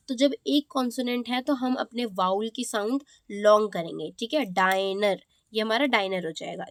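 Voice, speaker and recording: A woman with an Indian accent teaching English pronunciation rules. She explains each rule in Hindi, then reads it out slowly in English, and checks in with "okay" again and again. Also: fairly high pitch, no room sound. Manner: slows down to read rules aloud in English, repeats "ठीक है". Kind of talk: classroom explanation.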